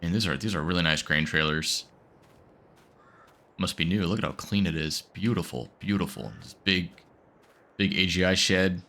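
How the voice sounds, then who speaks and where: A gaming video host with a low voice and a bright, forceful tone chats casually while playing a farming game, getting over a cold. He speaks at a moderate pace with long pauses, rambling and using lots of fillers in his gameplay commentary.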